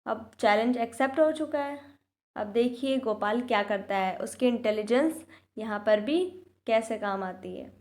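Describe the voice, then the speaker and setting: A woman teacher explaining a textbook chapter to students. She reads English lines slowly, then explains them in Hindi, checking in with the class often. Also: on the high side, darkish tone. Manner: addresses students directly with repeated check-ins.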